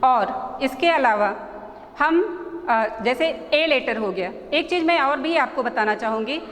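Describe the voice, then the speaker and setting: A woman with an Indian accent teaching an English spelling lesson at a board, slowly spelling out letters and their sounds one by one. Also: high-pitched, expressive, a bit bright. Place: school classroom. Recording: reverberant room, faint background noise.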